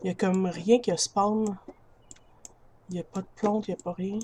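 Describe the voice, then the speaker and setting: A woman's voice: mid-range voice, fairly even intonation, moderate pace, darkish tone, slight background noise. A woman with a Quebec French accent giving casual commentary over a video game. She chats to her viewers, laughs easily and talks into a built-in computer mic. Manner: chatty, addresses viewers as friends, laughs easily. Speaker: gamer.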